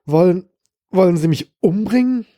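A man's voice: high-pitched, animated, a little slow, dark tone, voice pushed up. A man doing a trembling, pleading terrified man. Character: terrified heavyset man begging in a bathtub.

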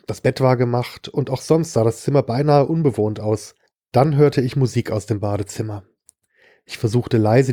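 Male audiobook narrator, mellow dark tone, dry and sardonic reading. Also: medium pitch, no room sound. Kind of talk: scripted narration of a short story.

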